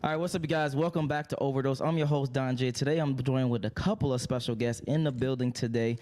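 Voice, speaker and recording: A man's voice: medium pitch, steady tone, fast, a little mellow. A man hosting a casual podcast, talking loosely, joking and swearing freely with his guests. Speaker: podcast host.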